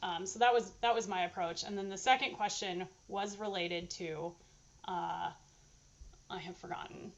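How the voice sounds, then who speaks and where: A woman's voice: medium pitch, fairly even intonation, moderate pace, dull audio. A woman answering questions at her dissertation defense, thinking aloud in a hesitant, hedging, informal academic way.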